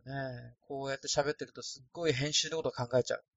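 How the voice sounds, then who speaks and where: A man's voice: mid-range voice, steady tone, fast talker, a bit bright, dull audio. A man from Osaka rambling casually through a solo podcast, with a thin, light voice and a self-deprecating manner. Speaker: podcast host. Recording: dry, no added echo.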